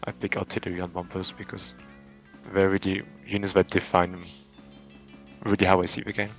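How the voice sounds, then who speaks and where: Low-voiced Frenchman, rambling thoughtful answers. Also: level tone, a little fast, soft background music. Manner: thoughtful, rambling, frequent restarts and fillers. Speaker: tournament champion guest. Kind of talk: casual interview answers.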